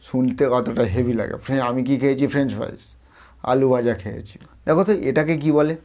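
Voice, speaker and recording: A man's voice: mid-range voice, a little fast, a little mellow. A man with a Bengali accent gives a spoken vocabulary lesson as an English tutor, explaining each word, repeating it and putting questions to the viewer. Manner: explains words then repeats them, asking the viewer questions.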